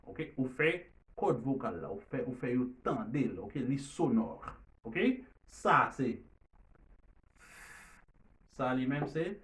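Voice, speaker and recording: Guy teaching th sounds, slow and deliberate, repeats words loud. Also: medium pitch, animated, far from the mic. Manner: repeats drill words loudly and slowly, mixes French and Creole. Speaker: English teacher. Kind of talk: pronunciation lesson.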